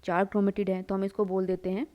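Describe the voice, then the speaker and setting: Hindi-speaking woman teaching biology, warm voice. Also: medium pitch, little pitch movement, fast. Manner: asks students questions and answers them herself; calls listeners "beta" and mixes English into the talk. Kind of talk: classroom lecture while drawing.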